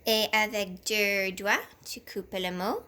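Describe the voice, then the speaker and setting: A woman teacher giving a reading lesson to young children from home, speaking slowly and deliberately and sounding out syllables one by one. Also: medium pitch, steady tone, bright, forceful tone, clean tone.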